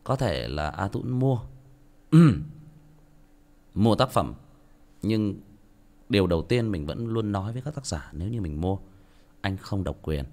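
A man's voice: on the low side, expressive, measured pace, long pauses, darkish tone. A man with a Northern Vietnamese accent, an audiobook narrator talking bluntly and self-mockingly to his listeners in a casual monologue.

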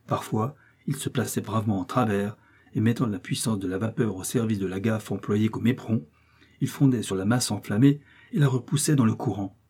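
A man narrating a classic novel as an audiobook, reading in a measured, steady storytelling manner. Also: fairly low pitch, breathy edge.

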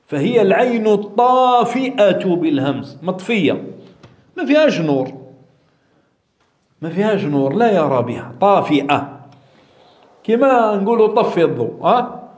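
Maghrebi man teaching hadith, high animated voice, repeats words, echoey room. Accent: Maghrebi Arabic. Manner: repeats key words, drawn-out emphasis, asks the audience questions. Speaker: Islamic teacher explaining hadith. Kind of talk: religious lesson commentary.

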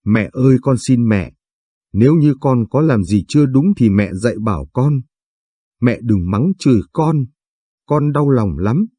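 A frightened young wife, as a male narrator puts her on begs in a tearful, hesitant way. The delivery is soft and mellow with a husky grain, recorded close and dry. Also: fairly low pitch, sing-song, normal speed, no room sound. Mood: pleading. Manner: pleading, sobbing, hesitant.

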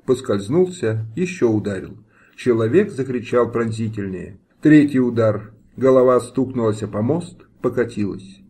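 A man reading a historical novel aloud as an audiobook narrator, in a steady, dramatic manner. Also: mid-range voice.

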